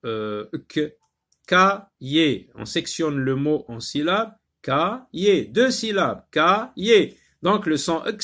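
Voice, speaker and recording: A man gives a slow phonics lesson to young learners, sounding out each word again and again. His voice sits a little on the high side, and he takes his time with frequent pauses and fillers. He stays patient and repetitive throughout. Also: a bit bright. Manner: slow, patient, repeats words syllable by syllable with many fillers. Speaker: teacher.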